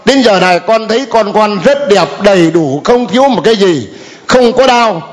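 An older man telling a halting, hesitant personal testimony to a priest at a church gathering. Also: sits high, animated. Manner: hesitant, halting with many fillers. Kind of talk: spoken testimony. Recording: long hall reverb.

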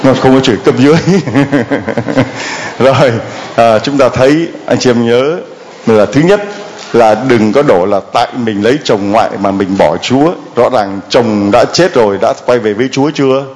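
A man's voice: mid-range voice, moderate pace, a little mellow. A man, a priest, preaching emphatically and asking rhetorical questions of the congregation. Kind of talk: sermon with audience questions.

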